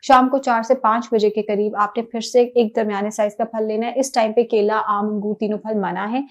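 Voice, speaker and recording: A woman's voice: a little high, level tone, brisk. A woman giving plain, step-by-step diet instructions, with English words mixed in. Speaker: diet planner.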